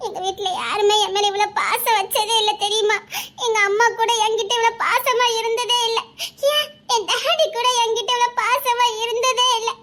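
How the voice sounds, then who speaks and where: An actress plays a frightened, lonely young woman in a Tamil web drama, her voice pitched very high. She pleads and falters with a teary edge, speaking in a Tirunelveli accent. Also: a little fast, fairly bright tone. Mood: tearful.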